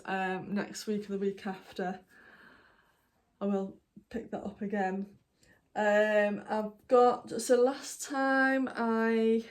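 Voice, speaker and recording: A woman hosting a knitting podcast, chatting casually and meandering with lots of ums and apologies while she shows her projects. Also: medium pitch. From United Kingdom. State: hiccuping. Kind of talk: casual show-and-tell vlog.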